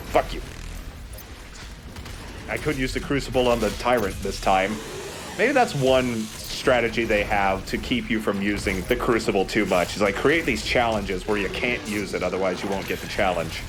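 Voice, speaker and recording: A man with a lowish voice, speaking at normal speed against a noisy background, hosts a let's play. While playing a video game, he delivers wry, rambling, sweary casual commentary.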